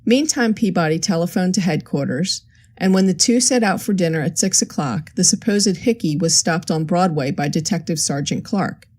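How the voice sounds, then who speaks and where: A woman narrating a crime story aloud in a steady, even manner. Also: lowish voice, moderate pace. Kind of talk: audiobook narration.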